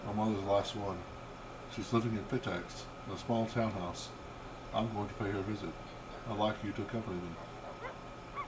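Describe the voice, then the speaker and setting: An older man voicing a playful, irreverent young noblewoman from a video game, lively and emphatic, over background noise. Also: fairly low pitch, normal speed, natural voice. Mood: matter-of-fact. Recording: steady background hum and noise.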